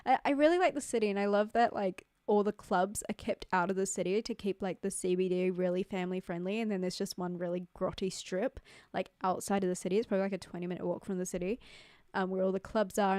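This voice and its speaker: With a medium pitch, quick pace, and a slightly mellow tone, a young New Zealand-accented woman chats casually on her livestream, reading viewer messages, laughing easily, and using many "like" and "um" fillers. She's at her Queensland home setup, close to a studio mic, and the sound is clean with no echo.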